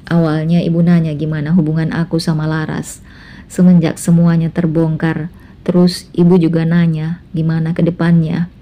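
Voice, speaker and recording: A woman's voice: low-pitched, monotone, normal speed, muffled recording, natural voice. A woman voicing a self-assured adult husband in a spoken family drama story, in a casual tone.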